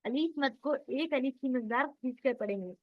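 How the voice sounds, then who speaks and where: A woman's voice: sits high, normal speed, phone-quality sound. A woman teaching Quran recitation in an online class, patiently drilling sounds and quizzing her students.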